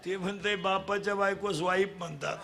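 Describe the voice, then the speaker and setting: A middle-aged man preaches a comic devotional kirtan, teasing children and drilling them in loud call-and-response. His voice is high-pitched and brisk with a steady tone and vocal fry, over a noisy background.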